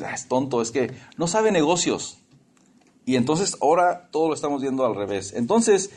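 Male preacher, mid-pitched voice, chatty sermon style, repeats phrases, light humor. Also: a little mellow. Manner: conversational, repetitive, lightly humorous.

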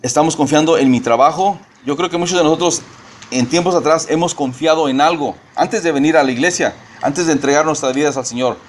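Pastor guy preaching, kinda high voice, stumbles and repeats words, faint hiss behind. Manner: halting, repeats words, mixes in English phrases. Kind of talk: sermon.

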